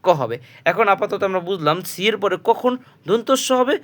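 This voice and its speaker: A man with a Bangladeshi Bengali accent gives a spoken English pronunciation lesson, his voice sitting a little high. He works patiently and repetitively, spelling words letter by letter. He poses a question to the class and then answers it himself. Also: animated, fairly quick, fairly bright tone. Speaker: English teacher.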